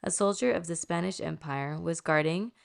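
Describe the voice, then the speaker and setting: A woman's voice: lowish voice, normal speed, gravelly. An American woman casually telling a story, saying Spanish names with an American accent. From United States, Los Angeles. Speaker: podcast host.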